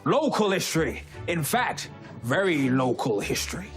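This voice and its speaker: A man's voice: a little high, sing-song, moderate pace, music in the background. A British man playing an enthusiastic, theatrical history teacher addressing his class in a period school drama.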